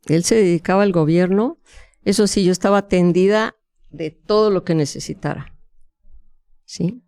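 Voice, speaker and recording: A woman's voice: lowish voice, normal speed, warm tone, dry recording, studio quality. A woman, a guest telling a vivid, emotional first-person story full of restarts and fillers. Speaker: interview guest.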